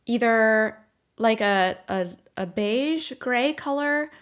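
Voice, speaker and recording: A woman's voice: a little high, expressive, slow. A woman chatting casually from her home office, rambling, laughing often and answering viewers' comments as a stream host. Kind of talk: casual live chat.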